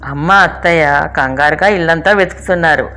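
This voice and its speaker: An older woman reading her childhood memories aloud in a calm, measured way. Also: sits low. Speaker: storyteller. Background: faint music.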